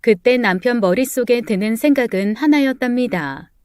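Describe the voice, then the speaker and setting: A woman's voice: fairly high pitch, normal speed, a little mellow, clear, resonant tone, dry recording, clean studio sound. A woman narrating a true-life story in a plain, gossipy storytelling way.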